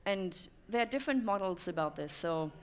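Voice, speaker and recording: A German woman in her thirties gives a thoughtful conference talk to an audience in a dim, stone-walled room, using many "um" fillers. Her voice is medium in pitch, animated and fairly quick, with a clean tone.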